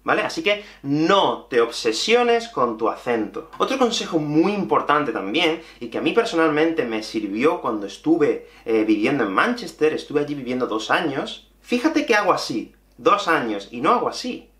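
A young Andalusian man teaching Spanish, his voice swinging up and down as he drives each point home. He sits a little high in pitch, and the room gives him a noticeable echo. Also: normal speed, hardly any pauses. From Andalusia, Spain. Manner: animated and emphatic, repeating key points. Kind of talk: lively video lesson.

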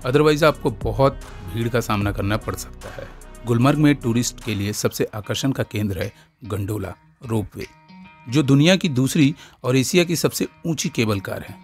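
A man giving a scripted, measured, informative travel voice-over. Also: mid-range voice, faint music behind.

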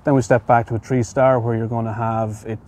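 A man's voice: medium pitch, little pitch movement, brisk, darkish tone, slight background noise. A middle-aged man, an equipment inspector walking through machine reports outdoors at an auction yard, practical and prone to repeating words. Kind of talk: on-site equipment walkthrough.

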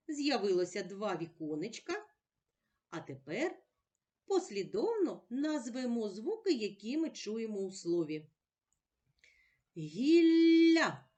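A woman teacher giving a slow, careful special-education lesson, patiently sounding out words one at a time. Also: medium pitch, very animated, warm tone.

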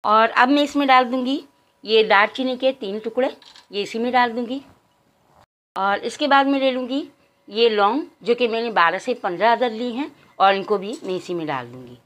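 A woman hosting a cooking channel guides viewers step by step through a recipe in her home kitchen, addressing them formally and counting each measure aloud. Her voice is a little high with a fairly bright tone, at a moderate pace.

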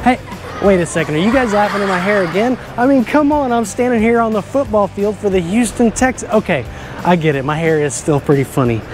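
Lively, animated kids' show host man. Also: high voice, brisk, over music, crowd noise. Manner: enthusiastic, exclamatory, laughs often. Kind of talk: upbeat kids' show tour hosting. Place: stadium locker room and football field.

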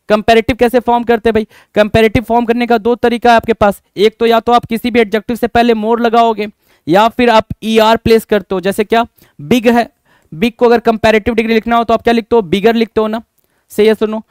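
A man's voice: very high voice, clean tone, no echo, studio quality. A young Indian man teaching English grammar in a live online exam-prep class, addressing students as "bhai", repeating points and asking rhetorical questions. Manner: addresses students as bhai, answers chat comments by name.

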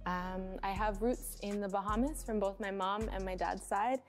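Calm, thoughtful woman in her twenties. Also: mid-range voice, soft background music. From Canada. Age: 20s. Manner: calm, thoughtful, frequent "um" pauses. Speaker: artist and DJ interviewed in a short film. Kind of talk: reflective personal talk to camera.

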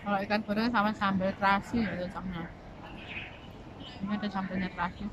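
A woman's voice: mid-range voice, brisk, noisy background. A woman food vlogger chewing while talking and humming between bites, eating in an outdoor garden. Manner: relaxed, savoring, hums between bites. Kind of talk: casual mukbang vlog. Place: outdoor garden below an apartment block. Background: outdoor ambience.

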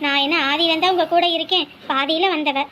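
A middle-aged woman speaks in a very high, fast voice as she soothes and reassures. She acts in an amateur family drama, with faint room noise behind her. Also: steady tone, sharp tone. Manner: soothing, motherly. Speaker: actress playing a mother.

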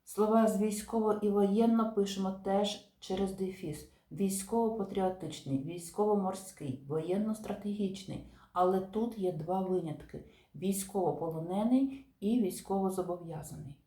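Calm woman teacher, echoey room. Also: medium pitch, normal speed. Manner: calm, methodical, stresses example words. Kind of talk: explaining spelling rules to viewers.

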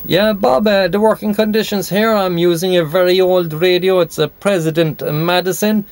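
Here an Irish CB operator from Cork, high-pitched and steady, talks at a normal speed while making radio contact, repeating words and spelling them in radio phonetics. There's no room sound on his voice, but the shack recording is noisy.

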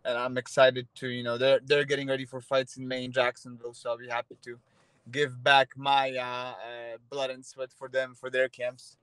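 A Polish man in his thirties, a fighter and native Polish speaker, chats relaxedly in a casual video-call interview from his parked car, with lots of fillers and restarts. His voice is medium-pitched and clean at normal speed. The phone is held at arm's length, and the dry recording is poor in quality.

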